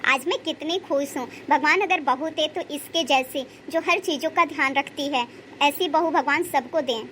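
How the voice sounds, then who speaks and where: A woman's voice: high-pitched, normal speed, a bit bright, slight background noise. A woman voicing an emotional, pious mother-in-law who prays aloud and heaps praise on her daughter-in-law in a cartoon story.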